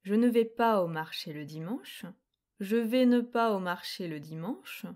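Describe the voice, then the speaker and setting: A young woman presenting a scripted grammar quiz lesson, explaining slowly, clearly and deliberately. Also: medium pitch, lively intonation, a little mellow. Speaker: French grammar teacher.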